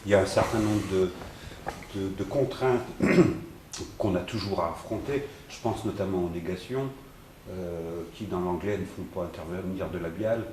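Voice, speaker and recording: Deep voiced guy interviewing, lots of pauses, echoey room with a bit of hiss. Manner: searching, halting questions. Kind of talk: interview question. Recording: echoey room with faint noise.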